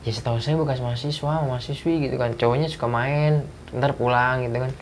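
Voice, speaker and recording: A man's voice: mid-range voice, quick pace, a little hiss or hum. Slangy man telling a ghost story. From Jakarta. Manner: animated retelling with acted dialogue, slangy. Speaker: guest storyteller.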